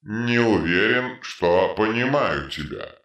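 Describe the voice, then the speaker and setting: A man voicing a huge troll who has suddenly become clever, speaking in slow, measured, pedantic phrases. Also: lowish voice, animated, fairly bright tone, roomy sound. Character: huge male troll, suddenly brainy and precise.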